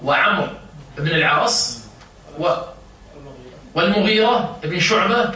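A high, bright-voiced man leads an informal religious lesson, pausing to quiz his listeners and explain each word. He is heard from a distance in a very echoey room. A faint hiss of noise runs underneath. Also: animated. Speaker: religious teacher. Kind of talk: informal lesson to a seated circle.

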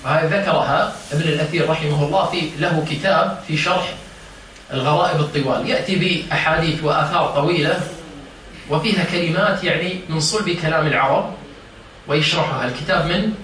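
A man's voice: a little high, quick pace, a bit bright. A man teaching a religious lesson, quizzing his listeners and explaining the meanings of words. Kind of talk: informal lesson to a seated circle. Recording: echoey room, distant mic, faint noise.

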